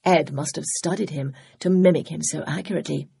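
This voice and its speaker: Woman narrating an audiobook, low voice, measured, husky. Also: steady tone, mellow.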